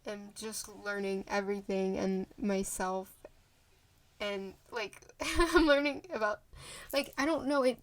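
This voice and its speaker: A woman's voice: mid-range voice, steady tone, a little slow. A woman in her twenties chatting casually to the camera in a rambling vlog, full of fillers and restarts. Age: 20s. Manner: rambling, filler-heavy, self-interrupting. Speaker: vlogger. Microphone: phone camera.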